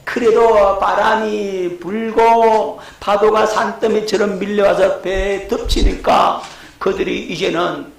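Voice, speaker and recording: A man's voice: high-pitched, steady tone, slow pace, gravelly, few pauses, roomy sound, low-quality recording. A middle-aged male pastor, preaching a lecture-style sermon and asking his congregation questions. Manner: rhetorical questions to the congregation, shouting acted quotes.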